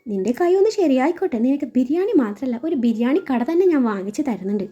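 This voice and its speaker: A woman's voice: high-pitched, big pitch swings, fairly quick, dark tone. A woman voicing a playful young husband who teases his wife, over a dull recording with faint music. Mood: teasing. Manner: playful, teasing.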